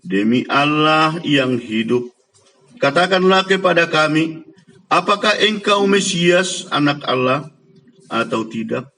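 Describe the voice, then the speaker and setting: A man reading as a stern high priest. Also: expressive, slow, bright, forceful tone, heavily acted. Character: high priest, stern older male interrogator.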